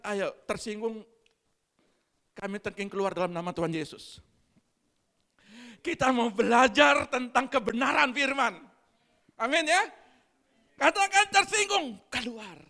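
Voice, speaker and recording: A woman preacher, giving an animated sermon and putting questions to the congregation. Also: fairly high pitch, a little slow, long pauses.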